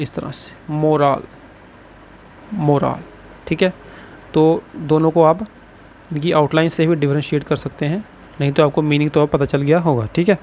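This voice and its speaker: A male shorthand teacher explains a lesson, tagging almost every phrase with "ठीक है" and repeating words slowly. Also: on the high side, darkish tone, a little hiss or hum.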